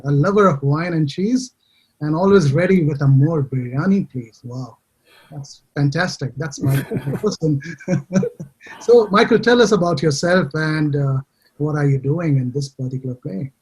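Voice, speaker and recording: A man's voice: fairly high pitch, darkish tone, husky. A man hosting a panel interview on a video call, introducing guests in a friendly way. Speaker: host.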